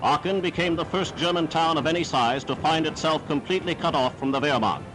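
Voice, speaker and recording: A man's voice: on the high side, a little fast, background noise. A man reading scripted 1940s newsreel narration in a formal, declamatory manner on a period soundtrack.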